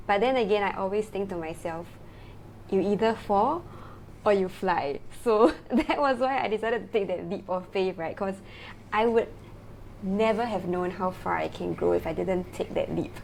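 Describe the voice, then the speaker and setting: A woman's voice: mid-range voice, a little mellow, slight background noise, poor audio. A woman from Singapore, a founder talking as a guest in a casual interview, chatty and full of fillers and tag questions.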